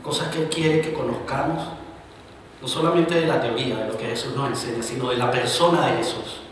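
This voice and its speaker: A man's voice: mid-range voice, brisk, slight background noise. Man preaching in an echoey church. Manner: preaches with rising emphatic bursts and quiet asides. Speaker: pastor. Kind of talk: sermon. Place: church hall. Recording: roomy, reverberant church recording from a distance.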